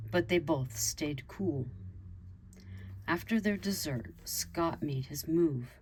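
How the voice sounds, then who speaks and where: A woman reading her own story aloud in a plain, unhurried way, lifting her voice for the characters' dialogue. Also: deep voice, a little mellow, a little hiss or hum.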